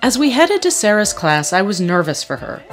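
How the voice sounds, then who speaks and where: A woman narrating a news feature in an expressive scripted way. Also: medium pitch, normal speed, over music.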